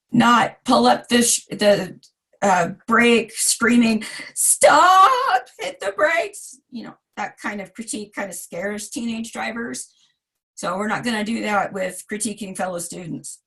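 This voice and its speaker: A hoarse woman in her forties giving a recorded design lecture, chatty and self-deprecating with asides to her students. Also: mid-range voice. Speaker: design instructor.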